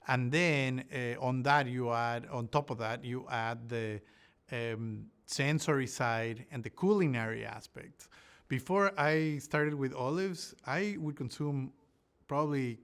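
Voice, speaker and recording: Man from Ecuador, smooth voice, halting. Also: mid-range voice, fairly bright tone. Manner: thoughtful, many restarts and fillers. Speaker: olive researcher. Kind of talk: interview answers.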